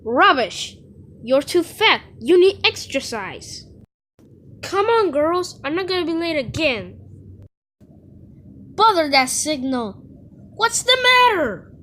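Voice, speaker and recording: A very high, bright cartoon voice for a cheeky little boy steam engine, acted by a woman. He is eager and impatient, firing off short exclamations and catchphrases with lively swings in pitch. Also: slow pace, long pauses, slight background noise, heavily acted. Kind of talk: character voice reel, cartoon acting.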